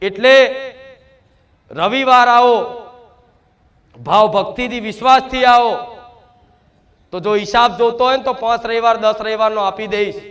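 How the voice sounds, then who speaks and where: A man's voice: very high-pitched, measured pace, long pauses, a bit bright. A man, giving a devotional sermon in the first person as the goddess, emphatic and full of repeated rhetorical questions.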